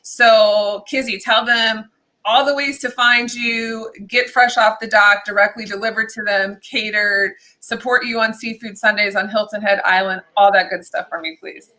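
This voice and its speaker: A woman's voice: medium pitch, steady tone, moderate pace, pushed and bright, low-quality recording. A woman hosting an interview show who speaks in an upbeat, encouraging and gushing way. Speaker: talk show host.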